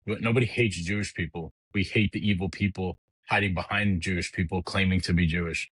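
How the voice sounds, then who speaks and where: Brisk and steady in tone, a middle-aged podcast host's low voice carries a slight brightness and a breathy edge. He rants casually about politics, blunt, heated and profane, restarting often, all in a rough, dry recording.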